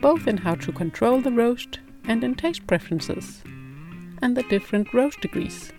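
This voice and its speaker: Speaking English as a non-native speaker, a middle-aged Danish woman narrates her podcast from a script, calm and measured, with a Danish accent. Her pitch is fairly high, and faint music plays behind her.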